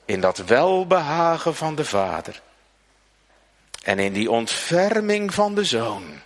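A man preaching a sermon as pastor, slow and earnest, pressing hard on his pleas. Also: mid-range voice, a bit bright. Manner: slow, gravelly preaching, rising to pleading emphasis. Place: church. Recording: church hall reverb.

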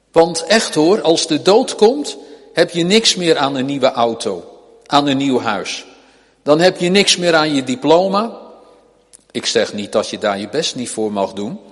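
Man preaching slow and earnest, pleading, big church echo. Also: a little high. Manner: earnest, urgent pleading with rising emphasis. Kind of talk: sermon. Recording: long reverb of a church hall.

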